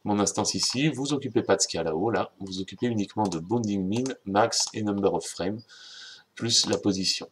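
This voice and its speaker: A French-accented man gives an informal, chatty software tutorial over a screen recording, speaking directly to viewers and correcting himself along the way. His voice is fairly low and brisk, with a bit of hiss or hum.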